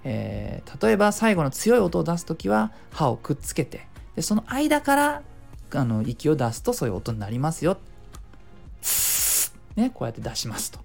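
A man's voice: on the high side, huge pitch swings, brisk, vocal fry, faint music behind. A middle-aged man hosting a casual solo talk show, chatty and self-explaining, giving speaking tips and dropping in little sound imitations. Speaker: podcast host.

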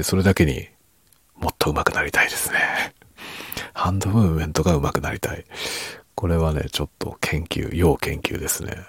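Middle aged guy doing sleepy late night chat, super low n husky, half whispering, real slow and soft. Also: no room sound, clean studio sound. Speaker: podcast and ASMR creator. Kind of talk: hushed late-night casual chat for falling asleep.

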